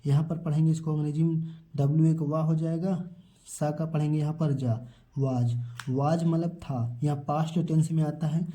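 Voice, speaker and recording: A man's voice: fairly high pitch, flat delivery, normal speed, mellow. Man teaching, quizzing himself aloud. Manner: asks questions and answers them himself, repeating each word; addresses viewers as children. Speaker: English teacher. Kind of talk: spelling and pronunciation lesson.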